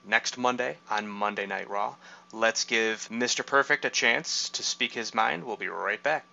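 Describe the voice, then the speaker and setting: A man's voice: on the low side, a little slow, creaky, sharp tone, lo-fi sound. A man hosting a podcast, casually recapping a wrestling show with asides. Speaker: podcast host.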